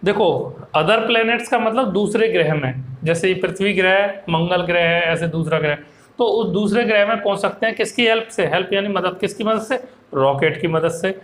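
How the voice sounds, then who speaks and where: Male English teacher with a higher voice, online lesson, explains in Hindi, reads English aloud slowly, echoey room. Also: fairly bright tone, a little hiss or hum. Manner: coaxing, repeats "theek hai na". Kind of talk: online class lecture.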